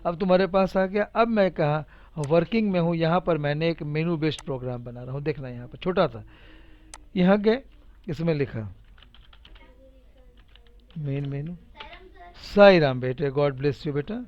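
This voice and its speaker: Speaking at normal speed with long pauses, a man with a slightly high voice teaches a laid-back spreadsheet lesson live, talking through the steps in a chatty, repetitive way while teasing and encouraging. The audio is muffled and low-fidelity.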